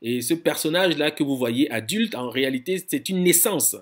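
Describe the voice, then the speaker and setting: A slightly high, animated male voice delivers an insistent, firm academic lecture. He often circles back over words while finding his phrasing and slows to spell foreign terms aloud.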